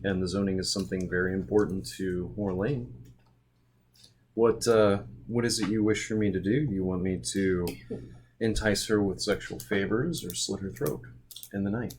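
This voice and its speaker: Man voicing a shrewd, coy underworld madam, low-pitched. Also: fairly even intonation, normal speed, a little mellow, a little hiss or hum, close to an everyday voice. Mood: shrewd, probing. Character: shrewd, coy madam-thief woman, mercenary and teasing.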